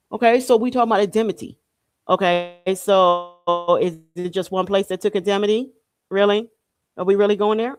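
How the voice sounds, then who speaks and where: In a studio-quality recording with no echo, a Haitian podcast host talks in a mid-range, slightly mellow voice. Her informal spiritual and political monologue is emphatic and repetitive, punctuated by rhetorical questions.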